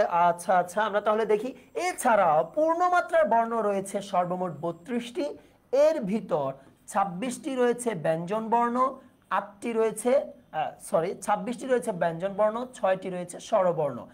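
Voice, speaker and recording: A woman's voice: medium pitch, a little mellow. A woman teaching an online exam-prep lesson. She explains patiently, asks the students questions and reads out their comments.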